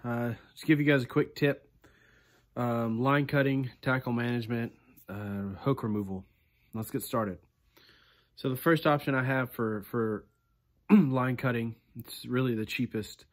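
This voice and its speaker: A man in his thirties hosting a fishing channel, giving a casual walkthrough of his gear close to a phone camera in a small indoor room, relaxed and chatty, often tagging lines with "right?" and "okay". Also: mid-range voice, measured pace.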